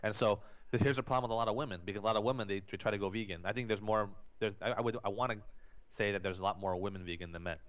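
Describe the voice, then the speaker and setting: Man with a lowish voice who explains things fast, lots of restarts. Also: fairly bright tone. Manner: explanatory, repeats and restarts phrases. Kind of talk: casual podcast talk. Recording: dull lo-fi recording.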